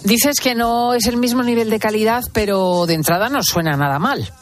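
A woman's voice: fairly high pitch, moderate pace, faint music behind. A woman presenting a conversational review show and introducing each series.

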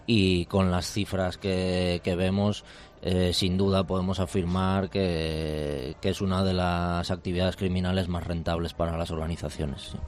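Man, Spain Spanish accent, very low voice, monotone, formal, hesitant police official. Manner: measured, formal, hesitant with many fillers and restarts. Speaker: police commander, interview guest. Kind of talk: interview answers.

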